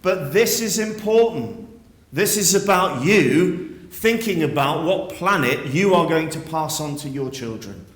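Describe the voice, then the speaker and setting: A man's voice: on the high side, expressive, a little slow. A man, a school headmaster, giving an earnest, persuasive speech to pupils at an assembly, using rhetorical questions. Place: school hall. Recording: echoey hall.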